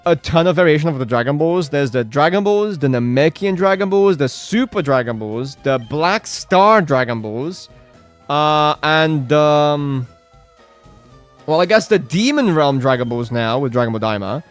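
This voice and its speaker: A man's voice: a little high, lively intonation, moderate pace, faint music behind. A man chatting casually on a live game stream, rambling with lots of filler words and reacting to chat.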